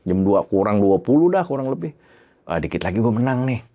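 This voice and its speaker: A man telling his own horror story in a casual, slangy way. He swears freely and acts out the bangs and creaks he heard. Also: lowish voice, fairly quick, highs cut off. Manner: animated, imitates sounds like bangs and creaks.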